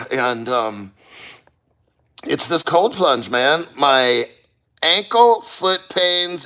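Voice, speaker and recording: A man chatting casually on a livestream, blunt and sweary, with halting, strained delivery and throat-clearing as he endures cold. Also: on the high side, sharp tone. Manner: halting, sighing, throat-clearing while enduring icy water. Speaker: livestreamer reading viewer comments.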